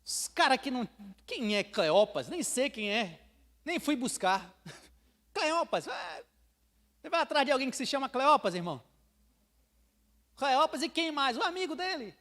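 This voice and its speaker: A Brazilian pastor from Bahia preaching a sermon, swinging from hushed asides to loud proclamations and acting out believers for laughs. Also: male voice, extremely high pitch, sing-song, moderate pace, pauses often. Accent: Brazilian Portuguese, Bahia. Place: church sanctuary. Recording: long hall reverb.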